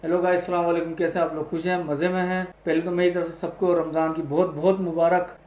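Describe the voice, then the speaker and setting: A man's voice: fairly high pitch, level tone, fast talker, over loud music. A man hosting an online video, giving heated, crude reaction commentary full of swearing. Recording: echoey, dull lo-fi audio.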